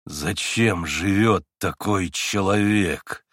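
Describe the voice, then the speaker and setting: A man voicing a young man who speaks quietly, slowly and measuredly with a low growl of contempt. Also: no echo, clean studio sound, full character voice. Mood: seething.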